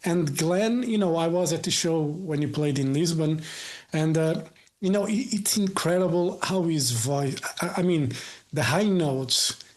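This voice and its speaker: A man's voice: fairly high pitch, a little slow. A man interviewing a musician in a casual chat, talkative, often repeating words and laughing along.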